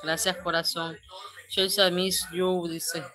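Woman, Salvadoran accent, livestream host, reads comments aloud, affectionate replies, bright tone. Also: lowish voice, flat delivery, slow, faint music behind. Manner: reads each comment aloud, then answers it with pet names. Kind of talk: live stream, reading viewer comments aloud.

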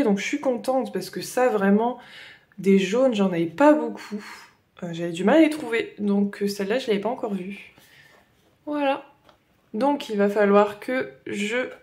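Vlogger, young adult woman, Northern French Ch'ti accent, unhurried, halting casual chat. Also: mid-range voice, a little mellow. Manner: hesitant, many fillers and "voilà". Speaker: coloring vlogger.

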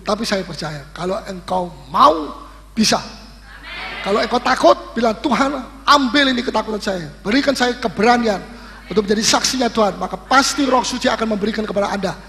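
A male pastor preaching a sermon in a lively, teasing way, often putting questions to the congregation. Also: high voice, a little hiss or hum. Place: church hall. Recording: echoey hall recording.

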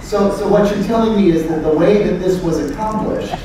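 A man's voice: sits high, fairly quick. A middle-aged man, a ventriloquist comedian bantering casually on stage in an amused straight-man manner. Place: theatre stage. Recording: echoey stage, distant, loud audience noise. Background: live audience.

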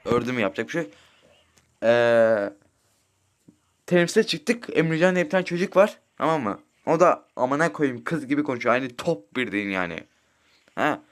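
A teenage boy casually telling rambling, crude school stories while playing a mobile game, swearing often and checking in with his listeners. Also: medium pitch. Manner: rambling, crude, swears a lot, keeps asking "right?". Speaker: gaming streamer. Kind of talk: casual storytelling over gameplay.

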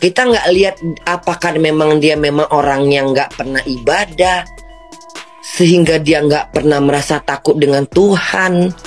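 A woman hosting a livestream who talks loudly and indignantly, rambling with many restarts. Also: deep voice, a little slow, faint music behind. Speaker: livestream host. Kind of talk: livestream rant.

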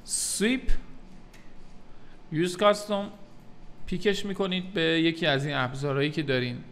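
Man, software tutor; bright, slightly high voice, calm step-by-step delivery. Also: slight background noise. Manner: calm step-by-step explaining, addresses viewers as kids. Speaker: 3D modeling tutor.

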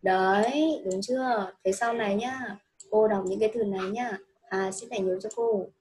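A woman's voice: mid-range voice, moderate pace, a little mellow, low-quality recording. A woman teaching a child English, patient and coaxing, repeating each answer back. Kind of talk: one-on-one children's English lesson.

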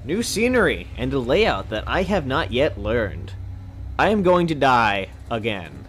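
A young man hosts casual let's-play commentary in a medium-pitched, sing-song, slightly bright voice, speaking a little slowly over slight background noise. He cracks jokes and is self-deprecating.

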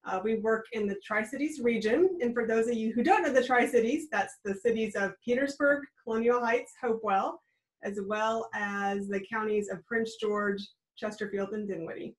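An American woman in her thirties with a fairly high voice talks at normal speed, and the audio is poor. Appearing by webcam as a video-call interview guest from a small room at home, this regional trail program director explains things in a friendly, upbeat way.

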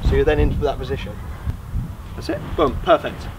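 A man in his thirties with a medium-pitched voice, talking a little fast, coaches an encouraging, emphatic how-to tutorial as host and acrobatics coach. He's outdoors on a grassy field, with outdoor noise and traffic in the background.

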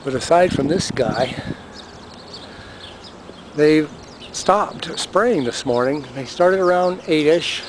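Into his handheld camera's mic, a man offers amused, chatty commentary while filming the sky outdoors, by the road and in a car, pointing things out along the way. His fairly high voice is expressive and slow, and he pauses often. Traffic and other outdoor noise make the recording noisy.

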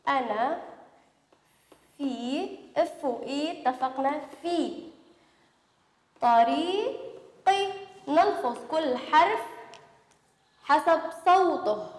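High-pitched lady teacher spelling out sounds slow for little kids, roomy echoey recording. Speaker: first-grade Arabic teacher. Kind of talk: children's reading lesson.

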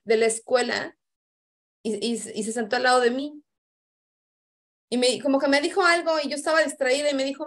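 A middle-aged woman, hosting and chatting casually about family life, with many fillers and restarts. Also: sits high. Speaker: host. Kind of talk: casual personal testimony talk.

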